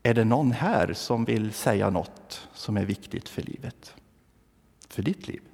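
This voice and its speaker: In a church with big-room sound, a southern Värmland man gives a funny sermon, spinning stories with a wry touch and asking the congregation questions. His lowish, darkish voice is creaky yet lively in intonation.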